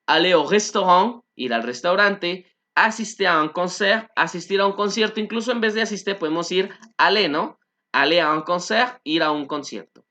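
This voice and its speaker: A man teaching a French lesson, repeating phrases slowly and translating them, with many "este" fillers. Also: fairly high pitch, pushed and bright. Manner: frequent "este" fillers, asks "¿no?" and "¿sí?". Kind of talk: online language lesson.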